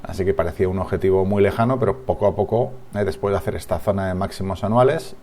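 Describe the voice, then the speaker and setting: Man, Spain Spanish accent, trading analyst, chart commentary, deep-ish voice, relaxed tone, restarts and asides. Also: quick pace, a little hiss or hum. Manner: thinking aloud, frequent restarts and tag questions.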